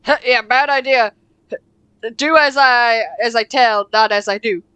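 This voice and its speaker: A woman's voice: fairly high pitch, unhurried, fairly bright tone, clear, resonant tone, no room sound. A woman streamer reacting to a text game with giggly, exclamatory, sarcastic asides. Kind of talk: casual playthrough reactions.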